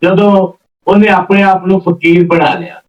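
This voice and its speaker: A man with a high-sitting voice tells a folk story informally, at a moderate, unhurried pace and with a level tone. He repeats phrases to link one event to the next. The mic sounds roomy, distant and slightly dull.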